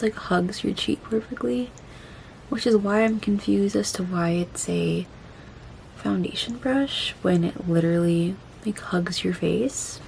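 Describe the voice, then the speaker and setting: A woman with a creaky, mid-pitched voice talks casually to viewers as she does her makeup. Her mouth and jaw are swollen after wisdom teeth surgery, and she is chatty and self-deprecating about it. There is faint noise behind her. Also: a little mellow, poor audio. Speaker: beauty vlogger. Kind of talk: casual chatty get-ready-with-me makeup vlog.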